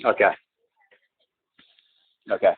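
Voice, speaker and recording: A man on a phone call who talks in a halting, rambling way, restarting and repeating words, and presses his complaints insistently, heard through a phone line. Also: no room sound. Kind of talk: phone conversation. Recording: tinny, dry phone-line recording.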